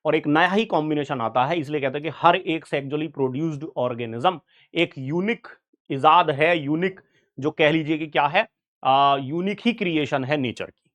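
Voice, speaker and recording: A young man teaches biology in an online exam-prep lecture. His voice sits slightly high for a man. He talks in a chatty, informal way and keeps checking in with his students. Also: a little slow, fairly bright tone. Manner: chatty, keeps asking "right, sir?" to students.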